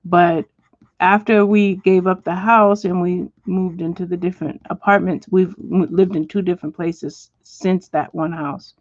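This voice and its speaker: A woman hosting a home livestream as she colors. She chats with viewers and answers them by name, and now and then she drops to a soft whisper. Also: fairly low pitch, steady tone, a little slow, no echo, highs cut off. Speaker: livestream host. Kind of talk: casual chat while coloring, reading viewer comments. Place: at home, indoors.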